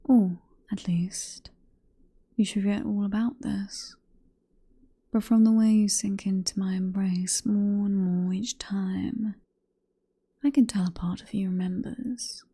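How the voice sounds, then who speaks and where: Slow and medium-pitched with fairly even intonation, a British woman performs a whispered, breathy ASMR roleplay. She is a possessive, seductive vampire professor who coaxes and teases with condescending fondness.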